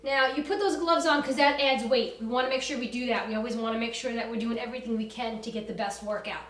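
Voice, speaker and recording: Female workout coach, high voice, brisk commanding instruction, recorded in a roomy space away from the mic. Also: steady tone, fairly bright tone. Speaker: fitness class instructor. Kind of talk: energetic workout instruction with cues and countdowns. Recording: roomy echo, distant from the mic.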